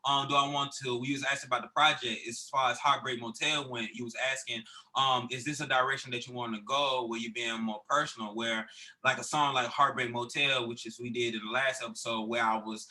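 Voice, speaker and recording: Bright-voiced man rambling casually. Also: medium pitch, steady tone, brisk, low-quality recording. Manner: loose, rambling, many fillers and restarts. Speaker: recording artist guest. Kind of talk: casual podcast interview.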